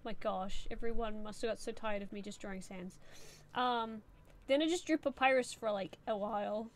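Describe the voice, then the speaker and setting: Her fairly high voice moves at a normal pace as the young woman sketches on stream and responds to her chat. The talk is loose and meandering, stuffed with "like" and "um" fillers.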